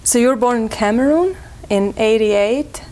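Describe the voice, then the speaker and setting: A woman interviewing a guest with probing questions and steady "mm-hmm" acknowledgments. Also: a little high, moderate pace, poor audio. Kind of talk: conversational interview.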